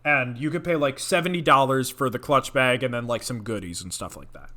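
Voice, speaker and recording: A young man co-hosting a podcast, telling a story in casual chat, animated and swearing often. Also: medium pitch, brisk. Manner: animated, swears a lot, acts out quoted voices. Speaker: podcast co-host.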